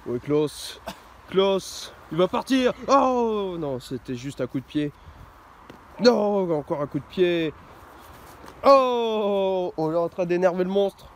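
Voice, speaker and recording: Male wrestling commentator, drawn-out delivery, faint hiss behind, excitable with shouted outbursts. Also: high-pitched, gravelly. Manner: excitable, bursts into shouted exclamations.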